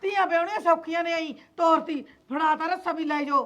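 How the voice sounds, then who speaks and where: A woman playing a sharp-tongued mother-in-law who scolds and mocks, in a Punjabi accent. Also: very high-pitched, fairly even intonation, fairly quick. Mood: scolding. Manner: scolding, sarcastic. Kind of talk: acted family drama.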